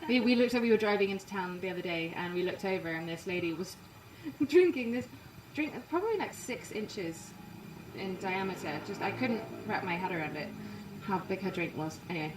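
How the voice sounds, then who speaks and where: A woman from England, partly raised in Canada, with an English accent, chatting quickly and self-deprecatingly as a musician being interviewed. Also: mid-range voice, expressive, echoey room, far from the mic, background noise. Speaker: musician guest. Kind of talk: casual interview chat. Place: inside a parked trailer.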